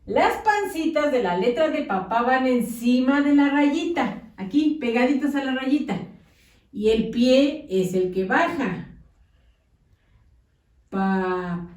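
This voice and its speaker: Woman teacher, patient dictation for small kids, slightly high voice, echoey room, a bit off-mic. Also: expressive, slow, darkish tone, recorded from a distance. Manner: patient, coaxing, uses diminutives. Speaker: primary school teacher. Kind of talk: slow dictation lesson for young children.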